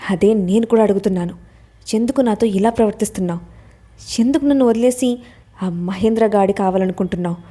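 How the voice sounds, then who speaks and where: A woman's voice: medium pitch, fairly quick, lightly acted. A woman voicing an angry, jealous young husband who hurls accusations in an audio story. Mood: furious. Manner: accusing, shouting.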